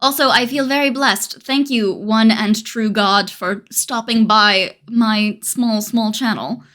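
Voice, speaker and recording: A woman's voice: fairly high pitch, fairly even intonation, slow pace, a bit bright, faint music behind. A young adult woman chatting casually on a live stream, rambling with dry, self-mocking humor and frequent laughs.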